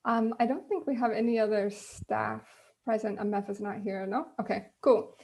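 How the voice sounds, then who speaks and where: A woman's voice: mid-range voice, normal speed, a little mellow. A woman hosting a casual online panel on a video call, talking loosely and filling gaps with ums. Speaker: host.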